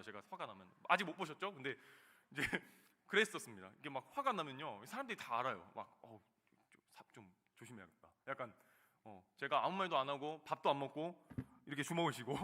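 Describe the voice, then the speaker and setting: A man in his thirties preaching a sermon, telling a personal story with loud emphatic bursts and soft quiet asides. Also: a little high. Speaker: junior pastor. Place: church sanctuary.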